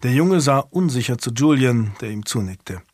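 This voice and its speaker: A man's voice: medium pitch, expressive, moderate pace, a little mellow, no echo, studio quality. A man narrating a historical novel as an audiobook, in a scripted storytelling style.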